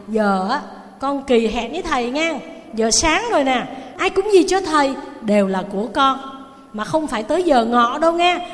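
A woman doing a whiny poor beggar. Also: high-pitched. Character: poor greedy male beggar, whiny and excitable. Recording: long hall reverb.

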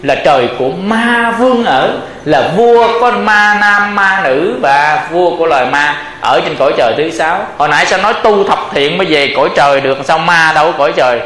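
Brief: male monk, high voice, lively sermon style, recorded in an echoing room. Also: fairly quick, few pauses. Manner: lively, laughs often, asks the audience rhetorical questions. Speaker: Buddhist monk teaching. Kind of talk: dharma talk sermon. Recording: echoey room.

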